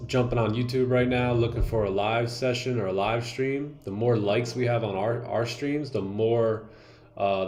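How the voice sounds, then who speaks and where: A man hosting a live trading stream in casual chat, relaxed and slangy, greeting viewers by name. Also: fairly low pitch. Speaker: livestream host and day trader.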